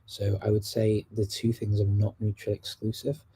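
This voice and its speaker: This UK man runs a language-learning livestream in an easygoing, conversational way, taking questions from viewers as they come. His voice is fairly low with a breathy edge, at a normal pace.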